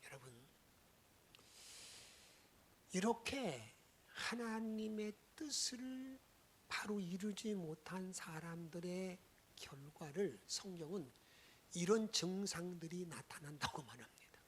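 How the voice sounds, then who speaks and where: A woman's voice: lowish voice, lively intonation, takes it slowly, long pauses, slight background noise. A woman pastor giving a Sunday sermon, telling the story dramatically, acting out the lines and dropping into whispers.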